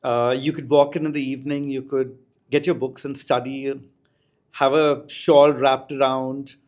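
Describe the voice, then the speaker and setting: A man's voice: medium pitch, flat delivery, a little slow. A middle-aged man with an Indian accent, reflectively telling personal anecdotes as an interview guest in an articulate way. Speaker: podcast guest, school educator.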